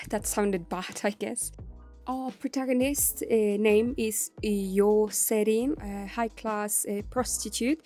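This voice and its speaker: A woman with a husky voice from a cold, chatting casually as she reviews a comic, with many pauses. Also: medium pitch, warm tone. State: sick with a cold. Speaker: webcomic reviewer. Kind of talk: casual chat.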